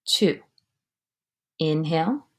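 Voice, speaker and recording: A woman guides a breathing meditation in a fairly low voice. She speaks very slowly and calmly, in measured phrases. Her words often soften into a breathy near-whisper. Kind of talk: guided breathing meditation, slow instruction and counting.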